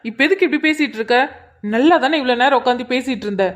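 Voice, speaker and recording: A woman voicing a hot-tempered young husband in a cartoon drama, scolding and sharp. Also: sits high, fast, lightly acted. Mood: angry. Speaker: cartoon character voice.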